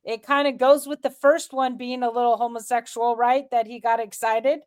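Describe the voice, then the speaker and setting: A woman's voice: on the high side, flat delivery, moderate pace. A woman co-hosting a podcast, agreeing with her partner and chiming in with her own questions in casual chat. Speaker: podcast co-host. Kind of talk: casual discussion of scripture.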